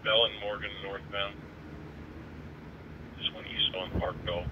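A man, a police officer, giving flat, matter-of-fact location and suspect updates over a police radio. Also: fairly low pitch, measured pace. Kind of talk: terse police radio calls. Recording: muffled police radio with hiss.

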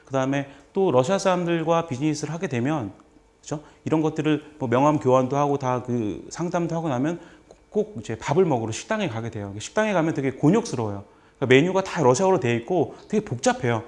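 With a high but darkish voice, this man talks fast and animatedly while teaching basic Russian to a live class in a seminar room. His lecture is chatty and full of jokes, and he repeats phrases so the students can say them back.

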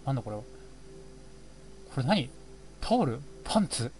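A man's voice: medium pitch, very animated, normal speed, darkish tone. A man hosting a game playthrough, giving jokey, rambling running reactions as he plays. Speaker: let's play host. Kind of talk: casual game commentary.

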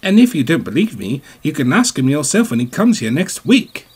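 Man doing a bright young girl engine. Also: on the high side, big pitch swings, normal speed, breathy edge, voice pushed up, full character voice. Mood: confident. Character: proud young female steam engine. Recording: music bed behind.

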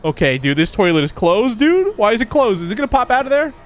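A young man giving casual commentary as he plays a horror game, sounding scared, jumpy and full of excitable exclamations. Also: high-pitched, fast talker. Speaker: video game streamer. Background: game music and sound effects.

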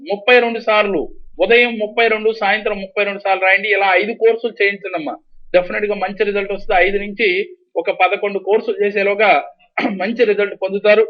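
A man giving numerology readings and instructions to callers on a call-in TV show, in a steady, instructive way. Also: high voice. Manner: steady, instructive, repeats schedules and numbers. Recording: dull lo-fi TV broadcast audio.

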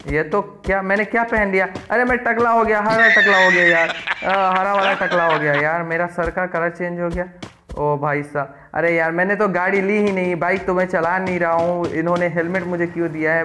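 A man's voice: a little high, sharp tone. A man from India giving playful, teasing commentary over a mobile game and calling out to his viewers. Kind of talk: casual gameplay commentary. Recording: noisy recording with game clicks.

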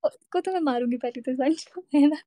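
A woman's voice: sits high, fairly quick, mellow, a little hiss or hum. A woman playing a multiplayer game with friends, chatting playfully and mock-complaining. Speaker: co-player. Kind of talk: casual chat during a multiplayer game.

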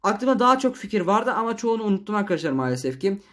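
A man giving casual, chatty gameplay commentary as a gaming YouTuber, excitable and slangy. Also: sits high, very fast.

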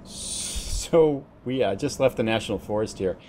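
A man with a fairly low voice talks through his gameplay in a relaxed, chatty way, thinking aloud as he goes. Faint game noise sits behind his voice. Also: measured pace. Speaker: let's play host. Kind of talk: casual gameplay commentary.

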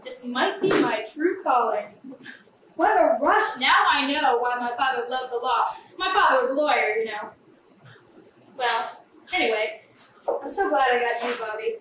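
A young adult woman with a high voice, speaking at a moderate pace, plays a glib, manipulative, callous woman with a morbid streak in a live staged reading at a small café. Her delivery is animated, flippant and theatrical, with a gleeful, scheming mood. A far camera mic picks her up, giving echoey audio with faint noise.

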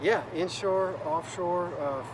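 A man's voice: high voice, slow pace, a little hiss or hum, rough recording. A middle-aged man, a fishing guide, giving brief, laid-back replies outdoors by the road. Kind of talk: casual chat. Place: roadside outdoors near the beach.

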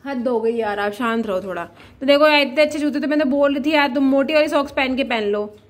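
A woman's voice: sits high, quick pace. A young woman from Jaipur chatting casually in her home vlog, playful and teasing. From Jaipur, India. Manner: chatty, playful, laughs and teases. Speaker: vlogger. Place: at home, indoors.

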